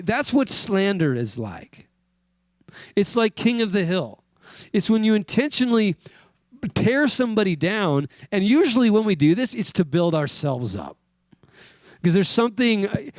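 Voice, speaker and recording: A man from Wyoming preaching a sermon as pastor, in an earnest, conversational way, asking the congregation questions and dropping softly on key words. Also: sits high, dry recording.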